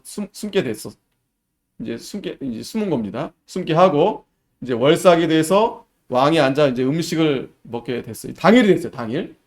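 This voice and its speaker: A pastor preaching a Sunday sermon. He reads Bible verses in formal, old-fashioned wording, then explains them in casual, conversational speech. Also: a little high. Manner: expounds scripture conversationally, often paraphrasing it in casual speech.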